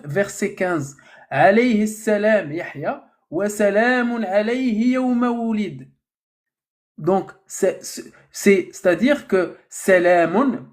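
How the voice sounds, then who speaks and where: A man hosting a live online debate, pressing his points and reciting scripture verses aloud. His tone is argumentative. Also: high-pitched. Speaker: debate host.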